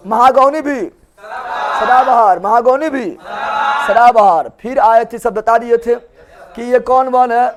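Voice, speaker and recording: A male teacher, leading a geography class in chanted call-and-response and repeating answers loudly. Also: very high voice, noisy background.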